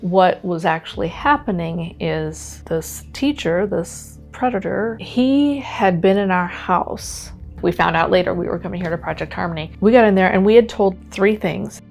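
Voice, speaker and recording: A middle-aged woman speaks in a documentary testimonial, her voice sitting a little low as she recounts things earnestly and reflectively, now and then halting with emotion. Soft music plays faintly beneath her. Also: gravelly. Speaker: parent giving a testimonial.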